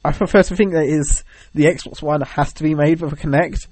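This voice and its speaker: A man's voice: on the high side, steady tone, brisk, darkish tone, slightly rough, no echo. A young British man co-hosting a podcast, chatting casually in a rambling, hesitant, joking way. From Britain. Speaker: podcast co-host. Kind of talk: casual chat.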